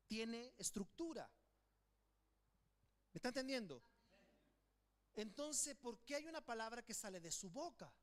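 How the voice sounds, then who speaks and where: High-voiced emphatic preaching pastor. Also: male voice. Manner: emphatic preaching with call-and-response to the congregation; swings between loud declarations and quiet, slowed phrases. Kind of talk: sermon. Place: church sanctuary with congregation.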